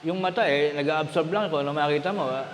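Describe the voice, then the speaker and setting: Fairly high-voiced preacher guy from bulacan, chatty teaching sermon, long hall echo with faint ambience behind. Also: fast, slight background noise. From Bulacan, Philippines. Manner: conversational teaching with rhetorical questions. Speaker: minister. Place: church hall. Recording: echoey hall with long reverb.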